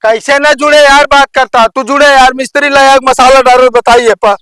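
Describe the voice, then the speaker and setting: Man playing quarrelsome village landowner, Awadhi accent, very high clear voice, dry sound, insistent, comedy skit. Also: flat delivery, moderate pace, sharp tone, no echo. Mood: combative. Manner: argumentative, insistent. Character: stubborn, quarrelsome village landowner building a wall.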